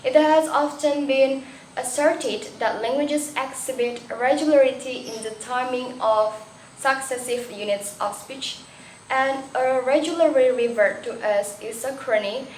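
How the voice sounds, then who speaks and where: Young woman, student presenter, slightly high voice, hesitant restarts, echoey room with a faint background hiss. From Indonesia. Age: young adult. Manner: slow, careful reading with hesitant restarts. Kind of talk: reading a class presentation.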